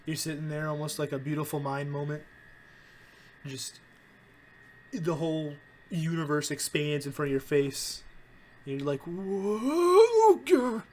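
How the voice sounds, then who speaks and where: A man's voice: a little high, flat delivery, slight background noise. A young adult man co-hosting a casual podcast chat, teasing his friends and joking around. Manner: teasing, jokey, quick to laugh. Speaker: podcast co-host.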